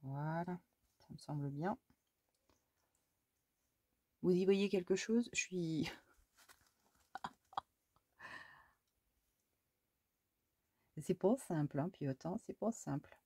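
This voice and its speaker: Extremely slow and full of long pauses, a Frenchwoman's fairly low, warm, husky voice carries a casual crafting vlog as she works on a scrapbook. She mutters, exclaims at little mishaps, and speaks fondly to her cat between steps. The recording is dry.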